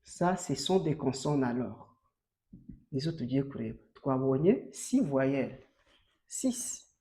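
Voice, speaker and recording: Slow, warm-voiced woman teaching French. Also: extremely low pitch, animated. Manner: slow, emphatic, spells letters aloud with rising stress. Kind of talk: bilingual language lesson.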